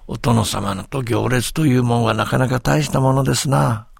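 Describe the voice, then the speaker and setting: A man's voice: mid-range voice, fairly even intonation, normal speed, vocal fry, husky, no echo, clean studio sound. A man doing the sly tall-tale teller Chōkichi. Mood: sly, polite. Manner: humble, servile politeness.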